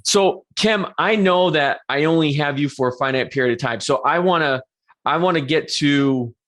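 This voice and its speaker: A man's voice: on the high side, normal speed, fairly bright tone. A man in his forties hosting an interview, talking earnestly and restarting his sentences often. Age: 40s. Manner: earnest, self-correcting with frequent restarts. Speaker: podcast host. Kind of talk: conversational interview.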